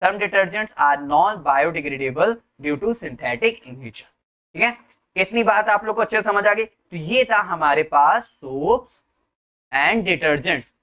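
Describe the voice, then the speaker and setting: Male chemistry tutor, bright forward voice, drills students with quick questions. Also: high voice, animated. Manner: repeats "ठीक है" and quizzes the viewer with questions; slows down to read English lines word by word. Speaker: chemistry teacher. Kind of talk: classroom-style lecture.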